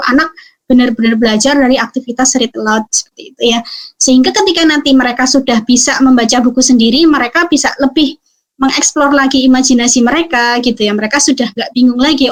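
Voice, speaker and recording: A woman giving a parenting webinar talk, explaining calmly with frequent fillers and tag questions. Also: high-pitched. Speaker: parenting speaker.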